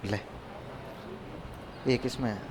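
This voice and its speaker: A man teaching a class, who dictates points slowly, repeats them, and chats and jokes with the students. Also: background noise.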